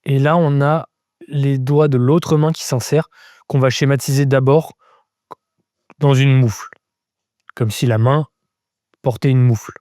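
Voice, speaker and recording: A man's voice: mid-range voice, steady tone, measured pace, pauses often, warm tone, no echo, clean studio sound. A man giving a live-stream drawing lesson, thinking aloud step by step as he sketches and chatting casually with viewers. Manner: answers chat viewers casually. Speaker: drawing teacher.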